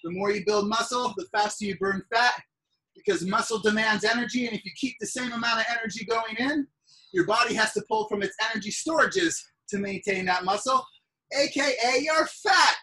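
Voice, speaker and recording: Brisk and sharp, with a voice on the high side, a woman coaches a fitness class over a live group video call from an indoor room. She uses countdowns and upbeat, hyped encouragement, often raising her voice to cheer people on, picked up by a distant mic set back from the exerciser.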